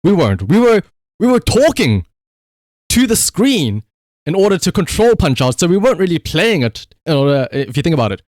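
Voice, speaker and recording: This livestreamer's voice is fairly high and darkish, swinging widely in pitch as he talks briskly. He rambles casually to his stream viewers, swearing a lot with playful exasperation. The audio is dry and studio quality.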